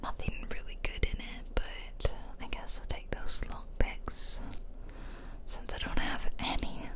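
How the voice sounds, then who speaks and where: Soft, lingering whispers carry this woman's playful commentary as she streams herself gaming for an ASMR audience. There's a weariness to her.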